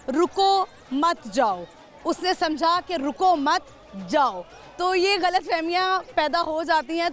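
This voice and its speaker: A high-pitched woman with a Pakistani Urdu accent hosts a street quiz show outdoors at a zoo. She talks in a playful, teasing and chatty way, holding a handheld mic as she walks up to passers-by. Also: fairly bright tone. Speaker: roadshow host. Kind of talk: street vox-pop interviewing.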